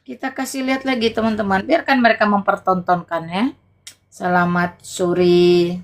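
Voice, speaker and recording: A woman's voice: on the high side, fast. A woman hosting a livestream who preaches combatively, mocks and taunts her viewers, and repeats phrases to hammer her point home. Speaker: livestream host.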